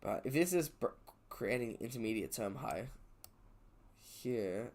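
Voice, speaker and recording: A man's voice: mid-range voice, lively intonation, measured pace, darkish tone. A man casually talking through his trading chart on a live session, thinking aloud loosely with fillers and self-corrections, a little sleepy, at home indoors. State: sleepy, yawning. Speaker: trader streaming his session.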